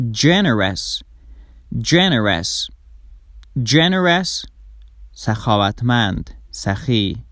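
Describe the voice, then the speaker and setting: A man teaching an English vocabulary lesson, saying English words slowly and carefully and explaining them in quicker speech. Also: on the low side, fairly bright tone, no echo, studio quality. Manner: slow, drawn-out model pronunciation, brisker Persian explanations. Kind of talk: language lesson with slow repetition.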